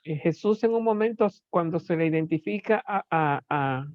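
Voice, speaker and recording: A lecturer giving a recorded philosophy class, talking slowly and searchingly, pausing often and asking rhetorical questions. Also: medium pitch, animated, no echo, highs cut off. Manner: slow, searching delivery with many pauses and rhetorical questions.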